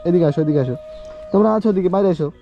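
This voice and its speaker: Fast-talking emotional man with a dull, lo-fi sound. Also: sits high, creaky, faint music behind. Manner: pleading, repeats his questions, voice breaks with tears. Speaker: vlogger visiting a poor family. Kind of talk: emotional on-the-spot questioning.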